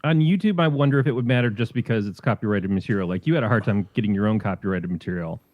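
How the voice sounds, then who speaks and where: A man's voice: on the low side, racing, highs cut off. A man co-hosting a podcast in casual chat, rambling and hesitant with many fillers and restarts, chewing on a cough drop. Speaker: podcast co-host.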